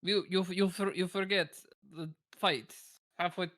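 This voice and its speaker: A man playing his character in a tabletop game, talking in halting broken English with stammered restarts. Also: sits high, steady tone, fairly bright tone. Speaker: player. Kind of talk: in-character tabletop role-play.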